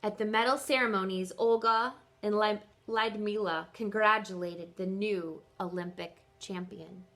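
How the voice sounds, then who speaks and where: This teacher reads expressively to a group of children, addressing them directly and putting questions to them. Her voice is mid-range, her pace measured, with hardly any pauses.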